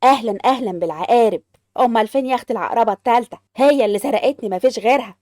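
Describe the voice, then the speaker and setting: A woman's voice: fairly high pitch, very fast, a little mellow, no room sound, studio quality, lightly acted. A woman with an Egyptian accent voicing a bossy, scolding old mother-in-law who grumbles and accuses. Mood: accusing. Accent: Egyptian Arabic.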